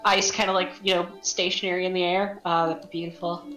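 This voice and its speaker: A woman playing a tabletop game, chatting casually and excitably. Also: on the low side, fast. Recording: roomy echo, music underneath.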